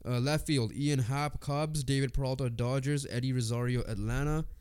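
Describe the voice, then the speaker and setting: A man co-hosting a sports podcast chats informally, swearing casually while reading lists and making predictions. His voice is congested yet clear and resonant, mid-range and darkish, with a steady tone and moderate pace.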